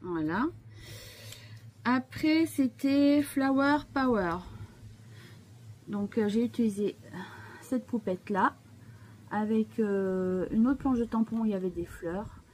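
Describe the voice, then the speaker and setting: A woman's voice: medium pitch, moderate pace, a little mellow, slight background noise. A woman hosting her scrapbooking channel, chatting casually as she shows her craft pages, hesitant and full of restarts, with chatty asides to viewers.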